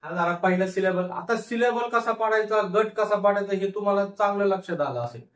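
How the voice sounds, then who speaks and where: Man, Marathi accent, phonics lesson, repeats words slowly, high pitch, roomy echo. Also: fairly bright tone, distant mic. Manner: slow, drawn-out syllables, repeats and drills words; asks questions and answers them himself. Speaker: teacher.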